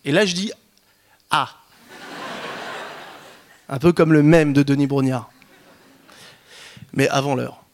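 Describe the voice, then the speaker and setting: A man in his thirties from France telling a personal anecdote to an audience, lively and self-mocking, with frequent restarts and slang. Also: mid-range voice, moderate pace, pauses often. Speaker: storyteller.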